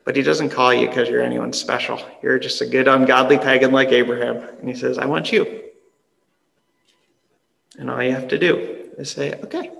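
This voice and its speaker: A male pastor giving a sermon in an earnest, conversational way, often dropping soft and slow for emphasis. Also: mid-range voice, little pitch movement, vocal fry, long reverb tail, poor audio.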